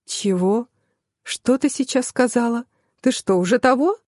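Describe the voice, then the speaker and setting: A woman reading as a blunt, mocking young sister in an audiobook, wry and outspoken. The voice sits a bit high and mellow, recorded close and dry. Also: measured pace, no room sound.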